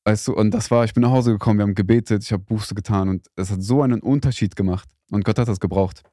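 A man's voice: fairly low pitch, steady tone, fast, dark tone, no echo, studio quality. A young man co-hosting a casual faith podcast, talking in a rambling, hesitant way with many fillers. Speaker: podcast co-host.

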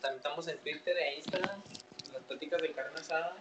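A man with a Mexican accent telling a slangy, animated story on a podcast among friends, acting out the voices he quotes. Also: fairly high pitch, a little fast, noisy background. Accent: Mexican Spanish. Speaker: podcast co-host.

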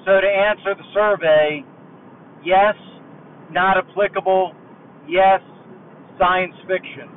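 Male caller, higher voice, rambling casual message over a low-quality hands-free car phone line, faint background noise. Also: takes it slowly, long pauses. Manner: relaxed and chatty, thinks aloud. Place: driving in a car. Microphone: car hands-free phone mic.

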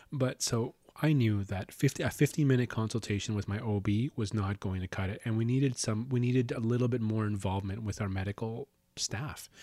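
A man's voice: mid-range voice, darkish tone, dry recording, clean studio sound. A man telling stories in a casual, rambling way, with lots of restarts and casual swearing. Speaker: podcast host. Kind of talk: casual storytelling.

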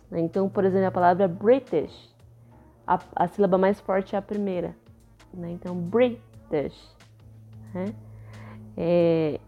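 A woman's voice: medium pitch, dark tone. Lady teacher on a podcast, explains stuff patiently, kinda muffled lo-fi sound. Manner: explanatory, teacherly, tags with frequent "né?". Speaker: podcast co-host, English teacher. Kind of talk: casual podcast chat.

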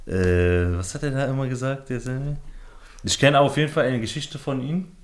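A man's voice: mid-range voice, moderate pace. A man co-hosting a casual podcast, telling a story in slangy, filler-laden talk. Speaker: podcast co-host. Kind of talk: casual chat among friends. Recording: echoey room, faint noise.

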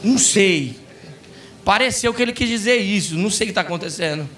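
A male pastor preaching a fervent sermon, breaking into shouts. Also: high voice, animated, a little fast, distant mic, soft background music. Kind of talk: impassioned sermon. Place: church conference hall.

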